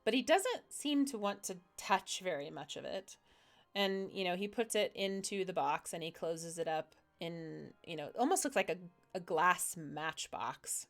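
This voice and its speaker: A woman's voice: fairly low pitch, animated, measured pace, fairly bright tone. A woman narrating as game master in a tabletop game, describing scenes while searching for words.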